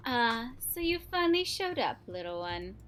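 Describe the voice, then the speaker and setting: A woman's voice: on the high side, sing-song, moderate pace, fairly bright tone. A woman playing a menacing, smug witch mother in a visual novel dub, mockingly sweet and theatrical.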